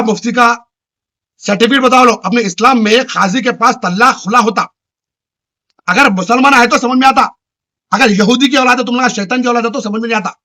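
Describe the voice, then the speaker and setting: A man rants straight at the camera. His voice sits high and bright, and he hammers the same phrases over and over in short, loud bursts. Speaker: local news channel chairman. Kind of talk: ranting address to camera.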